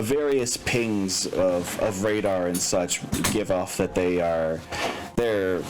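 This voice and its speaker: With a deep voice, a man runs a tabletop mech game as its game master, casually working through the rules aloud and pausing with some hesitation. Music plays in the background, and the recording is rough.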